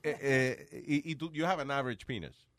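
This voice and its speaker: A man hosts a podcast in casual chat. His voice sits mid-pitch but swings up and down a lot, and he teases his guests while mixing Spanish and English and swearing freely. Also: expressive, normal speed. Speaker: podcast host.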